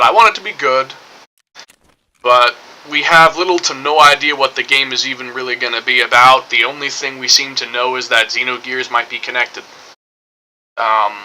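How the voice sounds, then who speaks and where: Bright, sharp-voiced man rambling casually. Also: medium pitch, slight background noise, low-quality recording. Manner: hedging, repetitive, circling back over points. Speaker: gaming streamer. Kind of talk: casual rambling game commentary.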